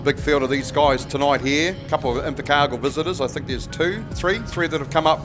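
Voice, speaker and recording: A man's voice: a little high, fairly quick, over music. A man with a New Zealand accent giving casual live commentary as a speedway track announcer.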